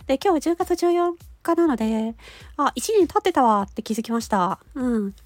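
Soft background music plays as this woman, who runs a personal audio channel as an amateur voice actor, talks politely to her audience. Her high-sitting voice is nasal, stuffy and cute like an anime character, with lively intonation. She giggles and speaks in halting phrases, each trailing off with a gentle filler.

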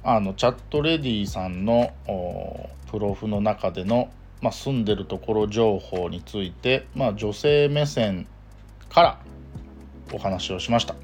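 A man's voice: on the low side, measured pace, faint music behind. A man with a Kansai accent hosting a casual solo podcast, talking hesitantly with many fillers. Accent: Kansai Japanese. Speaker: podcast host.

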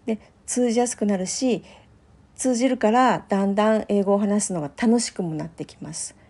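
Mellow-voiced Japanese woman podcasting. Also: medium pitch, a little fast, husky. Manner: gentle, chatty, many fillers. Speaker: podcast host. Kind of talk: solo podcast talk.

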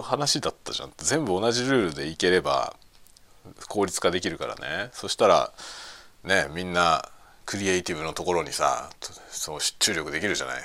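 A man's voice: sits low, gravelly, a bit bright. A man chatting casually and venting in a blunt, grumbling way, often breaking into chuckles. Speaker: streamer chatting on a lunch break. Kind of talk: casual chat, venting about work.

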